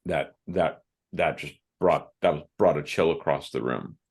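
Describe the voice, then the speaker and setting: This man's voice rumbles low, a little mellow and slightly rough. He's a podcast guest, an author and firearms instructor, recounting class anecdotes with thoughtful restraint.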